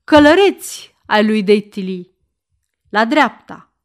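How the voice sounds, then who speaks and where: A stern military count barking orders at his riders and the crowd, put on by a woman reading the story. The voice jumps up high and loud on the commands, with a hard, authoritative bite. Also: lively intonation. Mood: commanding. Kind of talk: audiobook character reading.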